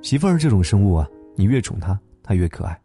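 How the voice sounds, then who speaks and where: A man with a low, mellow voice tells a gentle story as host of a late-night program. His tone is husky and tender, and faint instrumental music plays softly behind him. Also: sing-song, fast. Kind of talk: calm storytelling narration over music. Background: soft instrumental music.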